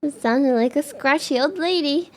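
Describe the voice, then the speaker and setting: Talking casually to her audience, this young female streamer rambles, restarts, leans on fillers, and bursts into bubbly excitement now and then. She has a high voice at a moderate pace, with background noise audible.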